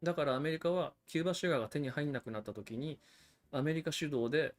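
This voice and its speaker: Over soft background music, a cigar channel host runs a livestream, explaining things chattily and casually with frequent asides to viewers. His voice is fairly high-pitched and his pace quick.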